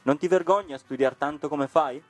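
A man's voice: fairly high pitch, fairly quick, no room sound, soft background music, voice pushed up, close to an everyday voice. A man reading a storybook and voicing a gang of rowdy schoolboy bullies, scornful and threatening.

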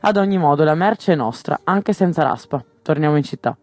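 A man's voice: on the high side, animated, fairly quick, a little mellow, dry recording, faint music behind, natural voice. Narrator putting on a brash streetwise male smuggler, blunt and slangy, for an audiobook.

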